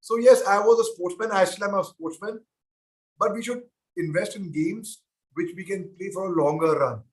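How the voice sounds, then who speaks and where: A man's voice: high-pitched, moderate pace. A man, a guest answering children's questions on a webinar call, playful and teasing as he talks straight to the kids. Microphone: video call.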